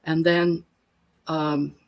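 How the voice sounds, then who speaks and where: Extremely slow and flat, her low-pitched, darkish voice arrives through a rough recording. She's an older woman from Alberta, Canada, a workshop facilitator guesting on a casual live stream, who tells her story in long, detailed, chatty answers.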